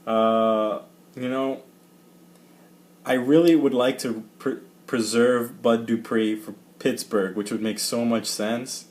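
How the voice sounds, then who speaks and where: A man co-hosting a casual sports chat, laid-back and quick to chuckle, with a slight lisp. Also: medium pitch, fairly even intonation, darkish tone. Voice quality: slight lisp from rubber bands in his mouth. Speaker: co-host.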